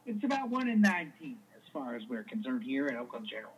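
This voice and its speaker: A man's voice: mid-range voice, big pitch swings, fast talker, husky, lo-fi sound. A man putting on a goofy hospital phone operator with a Southern US drawl, rambling nonsense in a prank call. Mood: deadpan.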